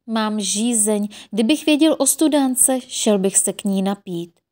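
A woman's voice: mid-range voice, animated, darkish tone, natural voice. A thirsty little boy from a storybook, plaintive and childlike, as a woman narrator gives him voice. He sounds tired and insistent.

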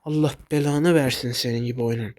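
A man giving casual gameplay commentary while sick, excitable and quick to blurt out short exclamations. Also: mid-range voice, a little hiss or hum. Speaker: gaming YouTuber.

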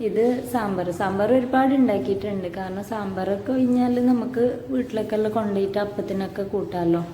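A young woman narrates a casual home vlog, chatting to her viewers as "guys" in an easy, running way. She speaks at a middle pitch and films on a handheld phone. The room is echoey, with clear background noise throughout. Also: fast talker, dark tone. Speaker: vlogger and mother. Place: home and car, indoors.

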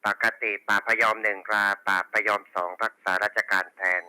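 A man's voice: on the low side, flat delivery, moderate pace, sharp tone, a little hiss or hum. A man working as a police radio dispatcher, reading back station reports and call signs in formulaic procedure over a walkie talkie. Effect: two-way radio.

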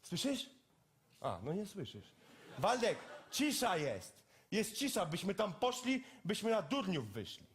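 A man performing a live cabaret sketch, talking in blunt, lively working-class banter. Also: sits high, unhurried. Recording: stage mic with loud audience laughter.

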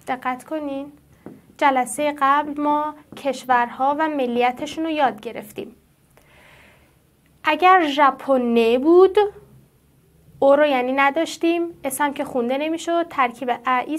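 In a classroom-style lesson, a woman with a high voice teaches French at a slow pace. She pronounces French words in a drawn-out way, explaining patiently and putting questions to the class.

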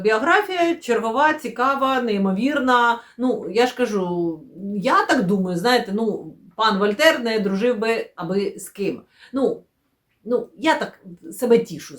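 A woman talking casually about new books, rambling with many fillers and self-corrections, and often dropping into quiet, murmured asides. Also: on the high side, lively intonation, a little slow. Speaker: book vlogger. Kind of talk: casual chatty book unboxing.

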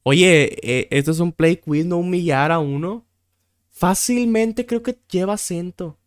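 A man's voice: high-pitched, a little slow, smooth, no room sound, clean studio sound. A young Mexican man streaming a quiz game, thinking aloud, swearing freely and easily exasperated. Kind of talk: casual gameplay commentary.

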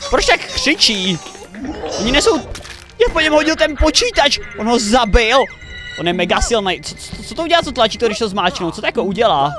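Young guy yelling reactions at a cartoon, voice jumps all over, loud music behind. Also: extremely high pitch. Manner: excitable, shouts warnings, repeats himself. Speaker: reaction video host. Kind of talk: casual reaction commentary. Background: the animation's music.

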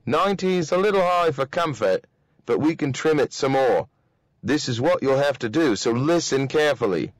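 A firm, persuasive commander giving orders, as a man reads him aloud. The voice sits a little higher than the reader's own and sounds dry and close. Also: expressive, moderate pace, no room sound, lightly acted. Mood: instructive. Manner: firm, instructive.

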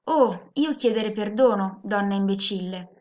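A woman's voice: mid-range voice, measured pace, darkish tone, lightly acted. A woman voicing a naive, polite little male elf child who speaks in earnest, broken grammar. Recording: muffled lo-fi recording.

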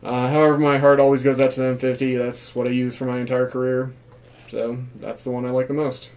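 Male vlogger, casual reviewer, mid-pitched with flat intonation. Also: a little fast. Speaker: gas mask reviewer, former Marine. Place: small room indoors.

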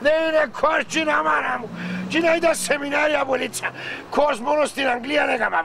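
An actor with a Cypriot Greek accent playing a fussy, melodramatic husband who wails and shouts in a TV sitcom. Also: male voice, extremely high pitch, vocal fry, slight background noise, heavily acted. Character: fussy dramatic middle-aged husband. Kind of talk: sitcom acting.

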